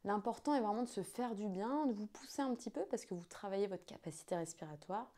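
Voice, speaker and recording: A woman's voice: mid-range voice, expressive, fast, warm tone. A woman speaking as a yoga teacher, giving an instructional explanation to students.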